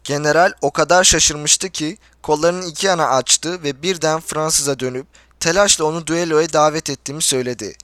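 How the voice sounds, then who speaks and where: A man narrating a literary audiobook in a measured, formal storytelling manner. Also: fairly high pitch, fairly even intonation, fairly bright tone, no room sound.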